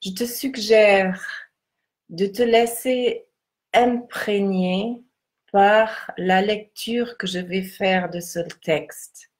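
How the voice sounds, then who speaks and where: A woman teaching in a guided meditation style, speaking in a measured, instructive way with deliberate pauses as she leads a contemplative reading. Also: mid-range voice, steady tone.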